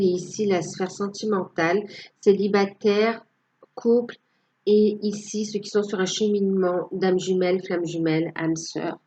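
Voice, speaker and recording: A woman's voice: mid-range voice, a little mellow, slightly rough, low-quality recording. A woman giving a casual tarot reading to her viewers, hesitant and full of fillers. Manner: hesitant, many fillers, tags with "hein". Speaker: tarot card reader.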